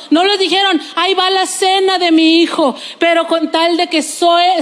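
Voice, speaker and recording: Woman pastor, very high voice, lively sermon, long church-hall reverb. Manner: lively preaching with testimony and playful asides.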